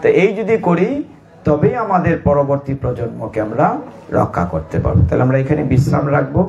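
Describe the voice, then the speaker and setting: Devotional preacher, man, fairly high voice, storytelling sermon, poses questions to the congregation and answers them himself. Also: lively intonation, brisk, gravelly, a little mellow, highs cut off, slight background noise. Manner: talks directly to children in the audience.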